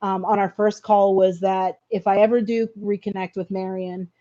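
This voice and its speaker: A woman's voice: mid-range voice, level tone, moderate pace, warm tone, highs cut off. A middle-aged woman telling a personal story in an interview, earnest and hesitant, often repeating words as she goes.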